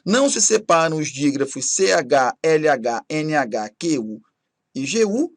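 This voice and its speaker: A man's voice: fairly high pitch, sing-song, unhurried, dry recording, studio quality. A man teaching a recorded grammar lesson, explaining step by step and often checking in with "ok?".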